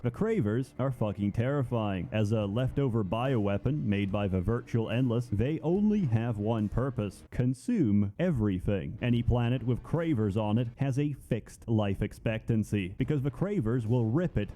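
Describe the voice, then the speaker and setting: A man narrating a comedic game review in a deadpan, sardonic scripted delivery. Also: medium pitch, moderate pace, few pauses.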